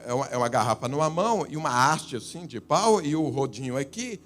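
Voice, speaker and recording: A man with a Brazilian Portuguese accent preaching a sermon, telling stories and swinging between loud emphatic lines and quiet asides. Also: medium pitch, lively intonation, brisk, soft background music. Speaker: pastor. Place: church.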